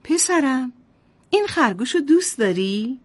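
A woman's voice: high-pitched, big pitch swings, pitched above the performer's own voice. A woman doing a cheerful storybook mother. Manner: warm, lilting storybook voice. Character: kind, cheerful young mother.

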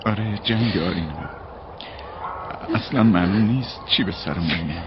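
An actor dubbing a young servant man who calms his tearful sweetheart with quiet resignation. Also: sits low, lightly acted. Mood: resigned. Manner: soothing, resigned. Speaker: dub actor. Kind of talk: dubbed period drama. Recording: dull audio with steady hiss.

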